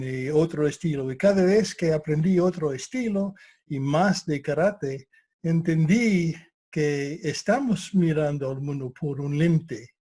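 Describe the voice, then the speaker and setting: Here an older man who speaks English reflects on karate in Spanish, appearing as a guest instructor in a relaxed, thoughtful conversation. Words come very slowly, broken by many pauses while he gropes for vocabulary. He has a warm, mellow tone in a fairly high register.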